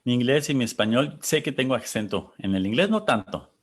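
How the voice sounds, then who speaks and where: A man interpreting an interview aloud, halting and searching for words as he goes. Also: medium pitch, animated, husky.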